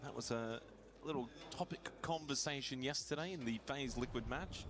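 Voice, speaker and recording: Man doing rapid esports play-by-play. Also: mid-range voice, a crowd in the background. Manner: fast, rising excitement on big plays. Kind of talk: live esports commentary.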